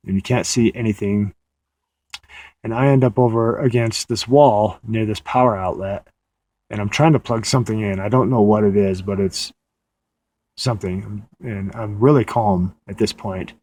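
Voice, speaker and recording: A man's voice: fairly low pitch, darkish tone, no echo. A man recounting a dream in a casual, meandering way, often restarting his sentences, sitting in a parked car at night. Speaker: audio diarist.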